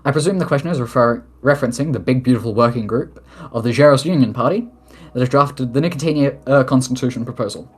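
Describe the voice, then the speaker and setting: Speaking fast in a husky, mid-range voice, this leader of an online role-play nation fields submitted questions during a mock-formal address. Official statements come with casual asides.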